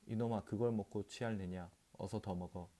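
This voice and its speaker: A male narrator voices a drunken rickshaw puller who brags and swears at everyone around him. The voice sits low and dark, rough with cursing, and the whole thing stays a storybook reading. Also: steady tone, brisk. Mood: boastful drunk. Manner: blustering, cursing, shouting. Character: drunken boisterous middle-aged rickshaw puller.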